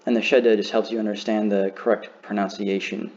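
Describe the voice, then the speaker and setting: A man teaching a beginner lesson, slowly and carefully demonstrating how each word is pronounced. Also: lowish voice, little pitch movement, darkish tone, dull audio. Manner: slow, careful demonstration of pronunciation.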